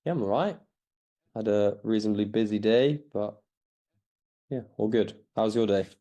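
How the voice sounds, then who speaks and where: With a warm tone, a fairly low pitch and a moderate pace, this thirty-something man who grew up in Belgium talks as a podcast guest. His casual answers to interview questions are hesitant and restart many times.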